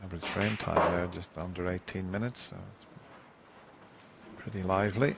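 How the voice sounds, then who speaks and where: A man giving hushed live snooker commentary in a measured, understated way, with unhurried phrasing. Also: low-pitched, fairly even intonation, vocal fry. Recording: live broadcast with faint arena noise.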